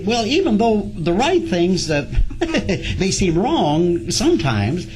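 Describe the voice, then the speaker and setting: A man's voice: high voice, wildly swooping pitch, takes it slowly, darkish tone, heavily acted. A man playing a folksy, kindly little cricket who gives muddled fatherly advice in a storybook radio play. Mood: fatherly, flustered. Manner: hesitant, muddled fatherly advising. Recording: music behind the voice.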